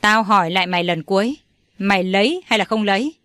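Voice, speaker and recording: A woman's voice: mid-range voice, fairly quick, a bit bright, dry recording, studio quality, lightly acted. A woman voicing a domineering old father in an audio story, harsh and commanding. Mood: furious. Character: furious old male patriarch, domineering father.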